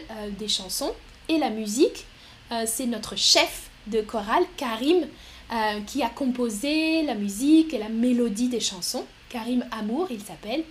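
A woman hosting a live stream, talking slowly and clearly as she reads out viewer comments and answers them with frequent light laughter. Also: on the high side, a little hiss or hum. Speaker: livestream host.

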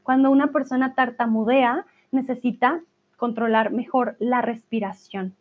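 A woman's voice: on the high side, steady tone. Tinny-sounding Spanish teacher woman, laughing often. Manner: laughs often, speaks slowly and clearly. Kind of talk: live class answering viewer chat.

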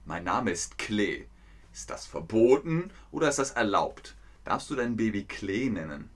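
A man giving a playful live-stream lesson to his chat, speaking slowly and clearly. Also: lowish voice, very animated. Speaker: German teacher streaming to chat.

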